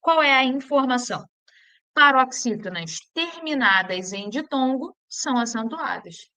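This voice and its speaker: A woman teacher with a Brazilian accent giving an exam-prep grammar lesson. She drills students with repeated questions and slows down to spell out each rule. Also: high voice, lively intonation, bright, forceful tone. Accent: Brazilian Portuguese.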